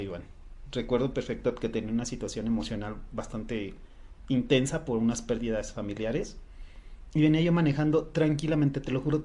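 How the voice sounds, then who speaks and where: A man with a Mexican accent, co-hosting a psychology podcast and telling a personal story in a lively, vivid way. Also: medium pitch. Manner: vivid storyteller, animated retelling of personal anecdote. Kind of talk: casual conversational podcast.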